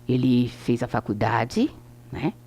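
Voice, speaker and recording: An older woman with a Brazilian accent speaks to a gathering at a spiritist center. She tells anecdotes and acts out the people in them, and her pitch swings widely as she goes. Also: lively intonation, slow pace, mellow, breathy edge. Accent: Brazilian Portuguese. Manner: anecdotal, acts out quoted dialogue. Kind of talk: informal talk to a group.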